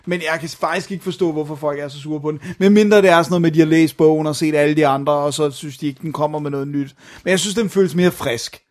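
A man's voice: a little high, fairly even intonation, hardly any pauses. A man co-hosting a podcast, talking about films in an enthusiastic, slangy way with English phrases mixed in. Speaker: podcast co-host. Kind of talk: casual film chat.

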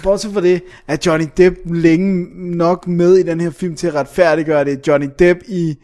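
A man's voice: on the high side, steady tone, a little mellow. A man in casual film review chat, asking questions in a chatty way. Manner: inquisitive, chatty.

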